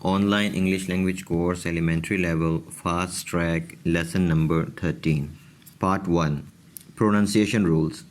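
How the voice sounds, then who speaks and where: A man with a Pakistani Urdu accent teaching English pronunciation, patiently explaining rules and slowly repeating word lists. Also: deep voice, steady tone. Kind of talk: slow explanatory lesson.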